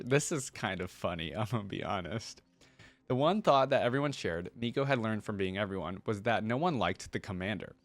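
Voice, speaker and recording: A medium-pitched man hosts a reaction video, reading a story with lively energy and pausing to toss in offhand remarks.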